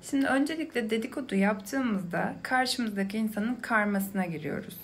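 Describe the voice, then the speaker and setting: A young adult woman talking to camera in an explanatory way, calm and reflective, addressing the listener directly. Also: a little high, moderate pace. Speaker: video creator.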